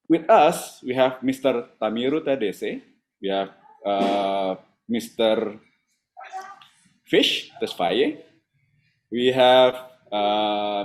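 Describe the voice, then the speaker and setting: Male moderator on video call, friendly, halting delivery. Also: fairly low pitch. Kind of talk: webinar moderation.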